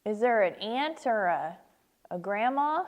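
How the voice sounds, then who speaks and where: A woman's voice: medium pitch, animated, a little slow, narrow, tinny audio. A woman conducting an oral history interview, asking prepared questions.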